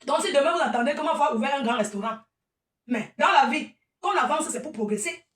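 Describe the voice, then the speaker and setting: A woman's voice: sits high, expressive, fast. A woman, an event organizer, ranting combatively on a livestream and breaking into laughing asides. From Cameroon. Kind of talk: livestream rant. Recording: echoey room, distant from mic.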